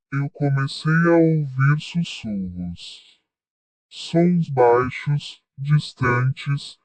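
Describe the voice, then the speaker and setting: A man's voice: on the high side, darkish tone, no echo, far from the mic, poor audio. A man in his thirties telling a scary first-person account, his voice altered by a voice changer. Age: 30s. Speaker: interviewed witness.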